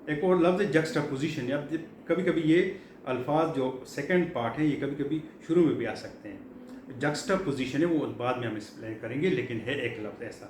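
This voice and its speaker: A man's voice: mid-range voice, a little mellow. A middle-aged man from Pakistan teaching English vocabulary in a classroom lecture style, explaining patiently and repeating key words with frequent fillers. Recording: echoey room, faint background hum.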